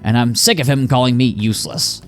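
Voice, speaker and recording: A man with a natural, mid-range voice reads game dialogue aloud at a brisk pace, soft music playing behind him. He voices a put-upon male robot clerk who whines and grumbles about his boss in a complaining tone.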